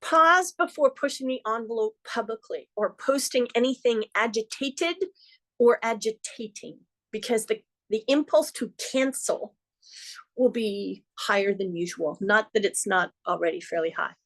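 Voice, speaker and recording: A woman's voice: fairly high pitch, unhurried, fairly bright tone. A middle-aged woman hosting an astrology forecast, talking earnestly and conversationally with playful asides. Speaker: astrologer host.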